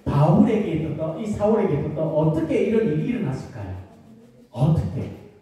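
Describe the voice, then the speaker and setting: A woman preaches a children's sermon with a mellow, warm tone, gently asking her young listeners questions. Her voice carries from some distance across a church sanctuary. The big hall gives every word a long, echoing tail. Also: low-pitched, sing-song, a little fast. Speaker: children's pastor. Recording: echoey church hall from far off.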